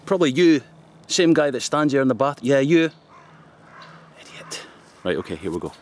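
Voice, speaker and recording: A man's voice: mid-range voice, very animated, normal speed, slight background noise. A Scottish man in his fifties chatting casually to a camera held close while shaving outdoors in a forest, joking and laughing often. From Scotland. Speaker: shaving vlogger. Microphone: camera close up at arm's length.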